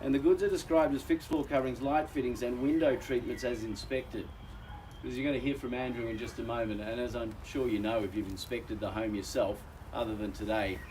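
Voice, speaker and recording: Addressing "folks" at an outdoor house auction, a genial, folksy Australian auctioneer speaks in a voice weakened by a recent chest infection. It's medium in pitch, a little mellow and steady, with a slightly fast pace. The low-quality recording uses a distant mic and picks up slight background noise.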